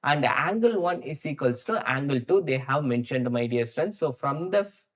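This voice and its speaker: A man with an Indian accent teaching a live maths lesson, thinking out loud as he works through problems step by step and addresses students directly, often repeating words for emphasis. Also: medium pitch, lively intonation, moderate pace. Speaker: maths teacher hosting a live online class.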